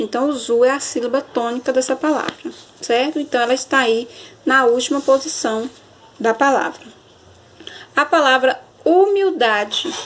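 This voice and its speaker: A woman teacher, giving a recorded grammar lesson and often checking understanding with a quick question. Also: sits high, a little hiss or hum. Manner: explanatory, checks understanding with frequent "certo?"; stretches and stresses example words slowly.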